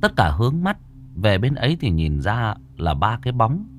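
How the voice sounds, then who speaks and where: A man narrating a scripted horror story in a dramatic, expressive way. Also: mid-range voice, normal speed, a little hiss or hum.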